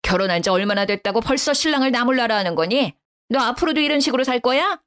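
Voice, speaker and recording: A woman doing a shrill scolding mother-in-law. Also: lively intonation, fast talker, a bit bright. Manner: scolding, condescending. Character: nagging, domineering middle-aged mother-in-law.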